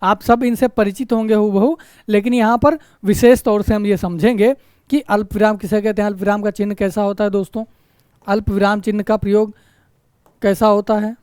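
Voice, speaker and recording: A man's voice: high voice, level tone, a little fast, darkish tone, clear, resonant tone, no room sound, studio quality. A man teaching Hindi grammar in an online exam-prep lecture. He asks rhetorical questions, answers them himself, repeats key points and keeps checking in with his students. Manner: repeats key phrases for emphasis.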